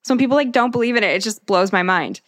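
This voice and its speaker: A woman's voice: fairly high pitch, rapid-fire. Casual woman podcast co-host. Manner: reactive, conversational, many fillers. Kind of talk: casual chat.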